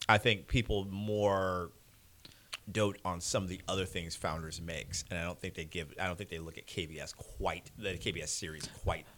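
A man's voice: low voice, fairly even intonation, normal speed, fairly bright tone, a little hiss or hum. Rambling enthusiastic man. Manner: enthusiastic, rambling with fillers and laughs. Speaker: podcast co-host. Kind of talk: casual chat.

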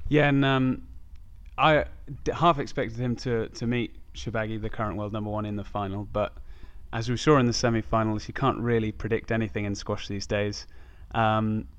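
A man's voice: on the low side, level tone, moderate pace, a bit bright, clear, resonant tone, highs cut off. A man hosting a podcast, talking casually about sport. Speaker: podcast host.

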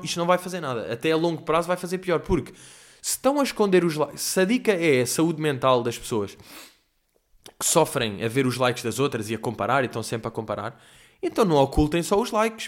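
Young Portuguese man ranting, swears freely. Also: on the high side. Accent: European Portuguese. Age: young adult. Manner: animated ranting, swears a lot. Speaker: host. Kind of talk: casual chat, Q&A rant.

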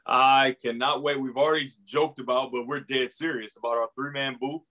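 A man's voice: mid-range voice, fairly even intonation, normal speed, bright, forceful tone. A man hosting a casual sports interview, informal and affirming, repeating himself for emphasis. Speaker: podcast host.

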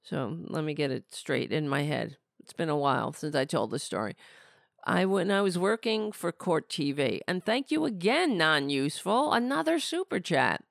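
A middle-aged woman hosting a podcast offers casual political commentary in a rambling, sardonic, blunt way while losing her voice. Her voice sits low and is sing-song with vocal fry at a normal speed, and the clean studio recording has no echo.

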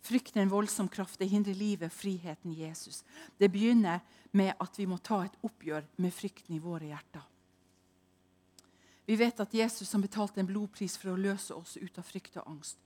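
Woman preacher, sermon, dramatic storytelling, hushed to loud. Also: medium pitch.

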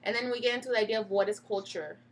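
A woman's voice: mid-range voice, fairly even intonation, very fast. A young American woman talking about her identity in a casual chat, thoughtful and full of fillers. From United States. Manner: reflective, many "like" fillers.

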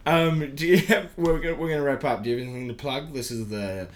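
A New man hosting a podcast, talking in casual chat with a halting, sweary delivery and many restarts. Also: medium pitch. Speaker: podcast host and comedian.

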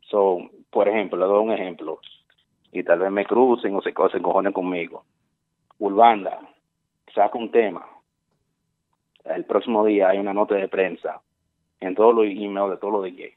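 Un hombre que llama a un programa de radio y da consejos en tono serio y explicativo, repitiendo palabras y metiendo frases en inglés, oído por una línea telefónica. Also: male voice, sits low, steady tone, moderate pace, long pauses. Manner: earnest, explanatory, repeats words, mixes in English phrases. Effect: heard through a phone line. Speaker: radio show caller. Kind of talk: explaining advice on air as a caller. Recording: tinny phone line.

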